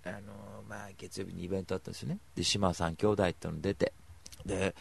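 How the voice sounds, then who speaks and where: A man hosting a radio show, telling rambling stories to listeners with emphatic, animated delivery on a studio mic. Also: low-pitched, fast talker, creaky, breathy edge. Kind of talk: casual solo radio talk.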